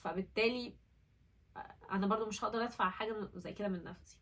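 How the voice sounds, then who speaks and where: A woman's voice: mid-range voice, steady tone, fast talker, a bit bright, far from the mic. A young woman with an Egyptian Arabic accent tells her own story in an earnest, candid and emotional way. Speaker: vlogger. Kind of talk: personal storytelling vlog.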